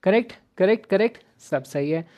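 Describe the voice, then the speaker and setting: A man's voice: high voice, animated, moderate pace, a little mellow. Chatty Hindi-English math teacher man. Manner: chatty, mixes Hindi and English, addresses students as friends. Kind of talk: online class lecture.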